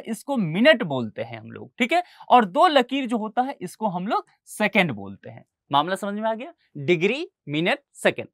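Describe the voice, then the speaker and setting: A male teacher lecturing for exam preparation, his pitch rising and falling a lot as he walks through a map. He explains patiently and keeps asking whether the point has landed. The recording is close and dry, with no room sound. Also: a bit bright, dry recording. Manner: explanatory, keeps checking students follow.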